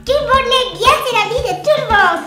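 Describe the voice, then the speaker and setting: A woman hosting a casual comedic question-and-answer chat in a high, squeaky helium voice. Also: fairly quick, far from the mic. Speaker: host. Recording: roomy echo, loud music behind. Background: music.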